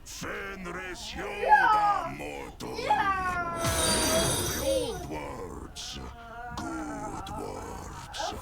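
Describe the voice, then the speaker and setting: A man voicing a huge, savage werewolf-like warrior in a video game, with a guttural growling rasp and a chanting, poetic delivery. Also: very high voice, huge pitch swings, very slow, heavily acted. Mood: solemn, savage. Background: music.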